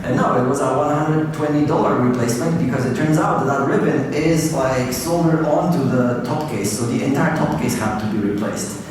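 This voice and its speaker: A man's voice: medium pitch, a little fast, hardly any pauses, darkish tone. A man from Poland giving a keynote conference talk, chatting casually with many fillers and "like". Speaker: keynote speaker. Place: large conference hall. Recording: distant, echoey hall with noise.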